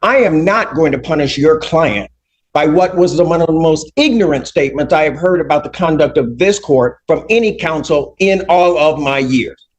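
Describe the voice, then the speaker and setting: A middle-aged man presiding as judge, speaking sternly and emphatically on a courtroom recording. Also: fairly high pitch. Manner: stern, lecturing, measured and emphatic. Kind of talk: courtroom proceedings.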